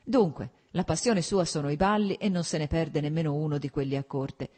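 A woman voicing a merry young male officer who tells gossip with excited exclamations. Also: deep voice, brisk.

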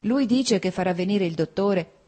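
A woman's voice: mid-range voice, normal speed, dark tone, voice pushed up, lightly acted. A woman reading as a fussy aristocratic mother. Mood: insistent.

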